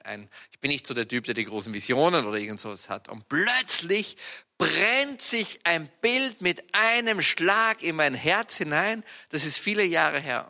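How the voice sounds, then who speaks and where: A man with an Austrian accent preaching a sermon, telling personal stories in a lively, animated way with sudden loud outbursts. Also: a little high. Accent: Austrian German.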